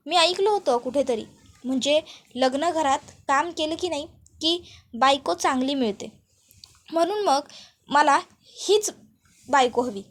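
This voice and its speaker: A woman's voice: high voice, lively intonation, measured pace, pauses often. A woman voicing a cheeky young man who playfully taunts his rival. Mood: teasing.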